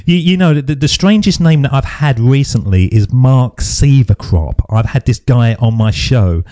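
A man's voice: mid-range voice, dry recording. An English man hosting a podcast interview, chatting in a joking, easygoing way over an internet call. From England. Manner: chatty, jokey, lively. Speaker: podcast host. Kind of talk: casual interview chat. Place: home garden studio. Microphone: internet call recording.

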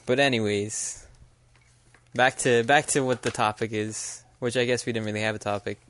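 A man's voice: medium pitch, steady tone, measured pace, pauses often, a bit bright, slight background noise. An American man co-hosting a podcast, talking casually and rambling with lots of "like" fillers. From United States. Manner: rambling, filler-heavy, frequent "like". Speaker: podcast co-host. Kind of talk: casual chat.

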